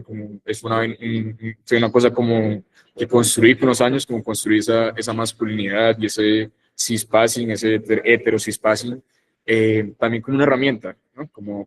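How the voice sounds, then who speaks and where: On a discussion panel, a young northern Colombian man with a Colombian Spanish accent thinks aloud, hesitating with many pauses and restarts. His voice is lowish, and the recording is rough.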